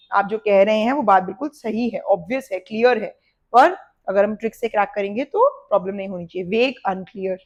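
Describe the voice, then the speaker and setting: A woman with an Indian accent teaching a vocabulary lesson, explaining words with memory tricks and repeating them. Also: a little high. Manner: lively explaining with repetition.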